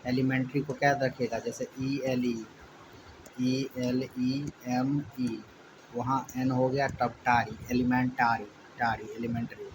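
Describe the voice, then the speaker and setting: For students preparing for an exam, a man runs a spelling lesson, breaking words into letters and repeating syllables slowly. He uses a mid-range voice in a level tone, with background noise present.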